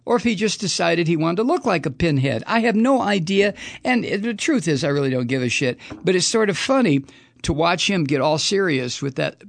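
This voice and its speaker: A man's voice: high voice, creaky, no room sound. A man hosting a political talk show, reading news items and mocking them with sardonic, profane commentary and frequent laughter.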